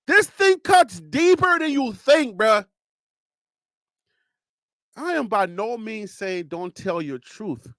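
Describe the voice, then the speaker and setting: This is casual live-stream commentary from a Liberian-accented host who argues emphatically and teases, often using rhetorical questions. He sounds animated, with his pitch going up when he argues. The sound is clean, studio-grade, and echo-free.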